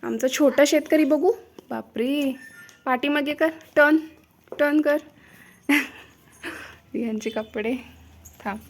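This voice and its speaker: Young woman, family vlog host, casual chat, slightly high voice, teasing, quick to laugh. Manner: playful, teasing, laughs often. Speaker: vlogger, mother.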